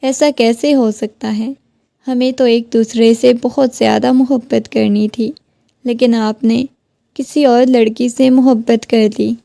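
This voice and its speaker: A woman's voice: a little high, steady tone, vocal fry, warm tone, dry recording. A woman voicing a heartbroken young wife who keeps pleading with her husband. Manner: pleading, questioning.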